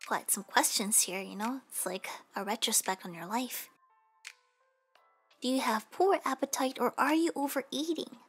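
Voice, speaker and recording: A woman's voice: a little high, normal speed, fairly bright tone, slightly rough, soft background music. A woman playing a teasing young nurse in a casual, joking, rambling comedic role-play. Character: teasing, flippant young female nurse questioning a patient.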